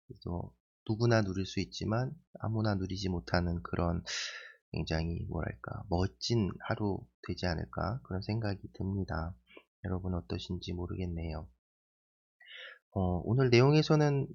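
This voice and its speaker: A low-voiced man with a gravelly edge, chatting through a daily Bible reflection. He talks at an easy pace with pauses and fillers. The recording sounds a bit dull and lo-fi. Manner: relaxed, conversational, with pauses and fillers. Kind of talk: casual spoken Bible reflection.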